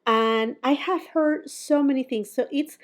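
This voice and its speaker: A woman's voice: high voice, unhurried. A woman from Peru, chatting casually to camera as a beauty vlogger, often laughing and quoting herself.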